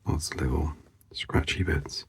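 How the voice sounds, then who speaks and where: A man's voice: a bass voice, fairly even intonation, unhurried, vocal fry, slightly rough. A man hosting a drawing channel, mumbling casual commentary to himself as he sketches, rambling with lots of fillers.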